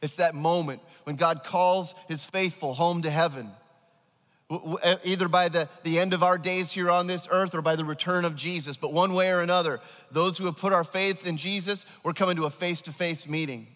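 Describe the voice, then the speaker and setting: A man's voice: a little high, fairly even intonation, a little fast, fairly bright tone. A man in his thirties preaching an emphatic sermon from a large church stage on a headset mic. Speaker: pastor. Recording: long reverb of a large hall.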